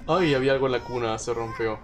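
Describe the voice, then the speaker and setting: A man's voice: medium pitch, fast, background noise. A man with a Mexican Spanish accent commentating a live horror game stream, jumpy, swearing and nervously repeating himself. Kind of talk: live let's-play commentary.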